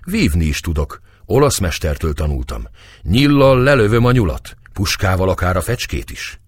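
A man's voice: low voice, big pitch swings, husky, dry recording, heavily acted. A man voicing a playful, spirited young noblewoman, a new bride, in a dry audiobook recording. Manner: eager, playful, defiant.

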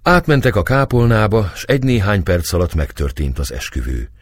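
Deep expressive male audiobook narrator, dry close sound. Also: breathy edge, no room sound. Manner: storytelling, expressive. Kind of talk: scripted narration.

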